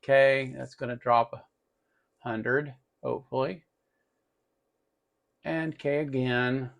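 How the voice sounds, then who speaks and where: This is the host of an electronics tutorial channel, running a casual hands-on lesson and thinking aloud as he works. His mid-range voice holds a steady tone, slow and creaky, and his talk is informal.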